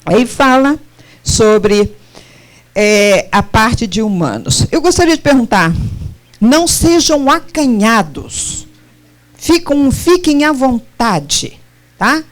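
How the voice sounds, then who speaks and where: A woman's voice: on the high side, slow pace. A middle-aged woman giving a spiritist lecture, often putting questions straight to her audience. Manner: animated, questions the audience directly.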